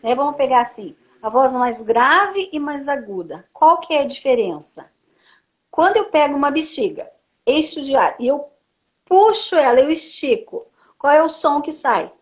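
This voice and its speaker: A woman's voice: high voice, animated, normal speed. A woman speech therapist explaining voice technique on a live stream, asking rhetorical questions and answering them herself. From Brazil. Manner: frequent tag "né".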